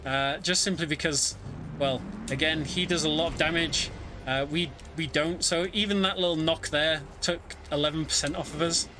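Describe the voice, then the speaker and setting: A man with a slightly high voice commentates his own speedrun live, chatty and wry, recounting the game's story along the way. He keeps a steady tone and moderate pace from his home setup during a streamed online event, with game music and other noise behind him.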